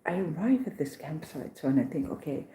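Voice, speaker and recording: A woman recounting her pilgrimage day in a casual, animated vlog, with many restarts and acted-out voices. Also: deep voice, fairly quick, echoey room, a little hiss or hum, rough recording. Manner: animated, acts out others' voices, restarts often. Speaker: pilgrim vlogger.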